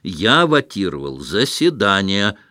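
A man's voice: low voice, big pitch swings, unhurried, sharp tone, no room sound, studio quality, full character voice. A man voicing an earnest, literal young schoolboy who talks in a plaintive, pedantic way.

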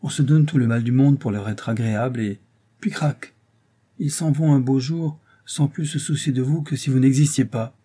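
Sharp-tongued older townswoman, shrill and scornful, husky underneath; a male reader doing her. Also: normal speed, close to an everyday voice. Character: peevish middle-aged provincial woman, sharp-tongued.

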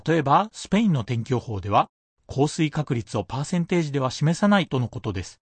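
A man's voice: on the high side, big pitch swings, fast, husky, no echo. A man teaching a radio language lesson, patiently explaining pronunciation point by point.

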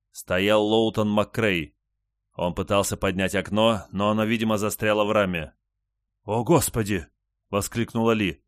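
A man reading an audiobook in an even, measured narration. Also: on the low side, smooth, no echo, studio quality. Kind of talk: scripted narration.

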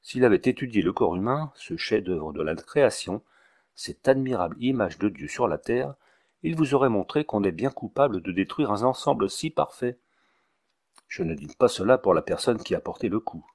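Pompous long-winded village doctor, ceremonious, fussy, a little low, man reading it. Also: animated, moderate pace, darkish tone.

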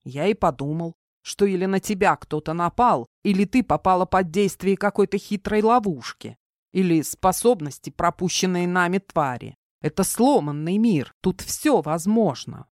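A woman reading an audiobook, voicing a gruff young man who grumbles and teases dryly. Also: fairly low pitch, expressive, normal speed, darkish tone, no echo, studio quality, natural voice. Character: young man survivor, gruff, wry and protective.

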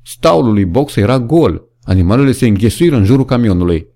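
A man's voice: medium pitch, sing-song, mellow. A man reading a novel aloud as an audiobook narrator, with dramatic storytelling. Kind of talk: scripted narration.

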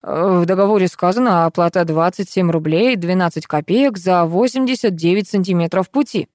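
A woman voicing a brash, crafty male loader who haggles in rough slang. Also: lowish voice, brisk, darkish tone, no echo, studio quality, lightly acted. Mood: cocky.

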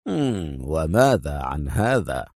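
A man doing a deep, stern male officer. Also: very animated, darkish tone, dry recording, studio quality, heavily acted. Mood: firm, calm. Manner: low, firm and measured. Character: calm, stern male lieutenant colonel, a hero.

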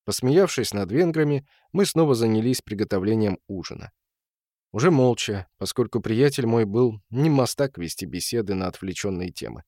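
A man narrating a story as an audiobook reader, in a measured storytelling manner. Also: fairly low pitch, animated, warm tone, no echo, clean studio sound. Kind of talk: audiobook reading.

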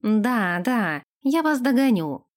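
A woman voicing a reluctant young man who grumbles his replies in an audiobook. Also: big pitch swings. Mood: grumbling. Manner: grumbling, low, slow. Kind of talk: audiobook character voice.

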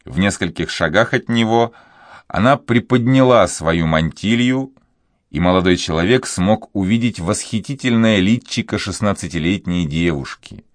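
A man narrating an audiobook in a measured, steady storytelling manner. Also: low-pitched, no room sound, clean studio sound. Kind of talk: scripted narration.

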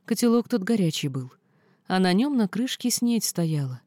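A woman narrating a first-person storybook tale in an expressive, folksy way. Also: mid-range voice, normal speed, no echo, clean studio sound. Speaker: audiobook narrator.

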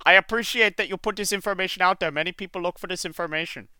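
Man doing a put-on Indian English spam commenter: high, loud, fawning, broken English. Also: quick pace, smooth, no echo. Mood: mock-earnest. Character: overly polite male blog spam commenter.

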